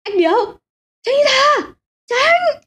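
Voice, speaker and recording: A woman voicing a panicked male cart driver yelling frantic warnings in a storybook tale. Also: very high voice, sing-song, extremely slow, voice pushed up, exaggerated voice. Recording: dull lo-fi audio.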